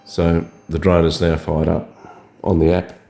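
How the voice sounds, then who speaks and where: A man with a scratchy, hoarse voice from a cold, hesitantly talking through a setup step by step. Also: low-pitched, completely flat delivery, unhurried. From Australia. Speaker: drone hobbyist. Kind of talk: casual tutorial narration.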